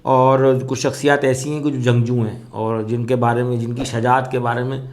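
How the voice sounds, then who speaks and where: A man teaches a class on soz recitation, speaking at middle pitch. His delivery is measured and explanatory, with frequent fillers, as he walks his students through each point. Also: flat delivery. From Pakistan. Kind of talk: spoken lesson.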